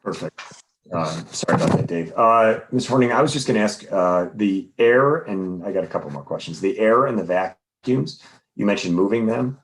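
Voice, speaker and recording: Deep-voiced man, rambling commissioner. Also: moderate pace. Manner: friendly, rambling with many uhs. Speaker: planning commissioner. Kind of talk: public meeting discussion. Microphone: remote call connection.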